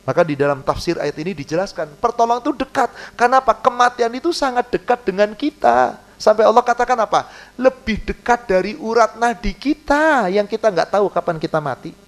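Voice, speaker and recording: A male preacher, giving a sermon that chants Arabic verses slowly, explains them in casual speech and puts questions to the congregation. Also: sits high, animated.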